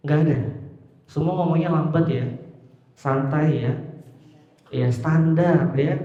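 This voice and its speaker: Playful young man teaching a class. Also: a little high. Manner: playful, teasing, addresses the audience as friends. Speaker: public speaking trainer. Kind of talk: lively classroom lesson. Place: classroom or hall before a live group. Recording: dull echoey hall sound.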